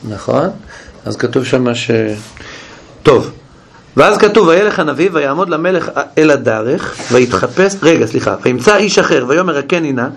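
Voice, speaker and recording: Gravelly high-voiced man teaching a class. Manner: questioning, animated, with many restarts. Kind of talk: Bible study class.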